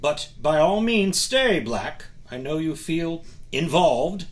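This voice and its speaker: A male reader voices a waspish, superior wizard teacher from a storybook. Speaking slowly, he drips silky sarcasm with delicate stress, his animated pitch sliding around as he sneers.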